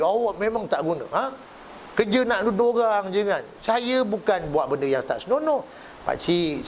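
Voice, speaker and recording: A male preacher with a Malaysian Malay accent giving a joking mosque sermon, acting out both sides of a story. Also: high voice. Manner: jokey storytelling, acts out both sides of a dialogue. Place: mosque hall. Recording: dull lo-fi recording with faint hiss.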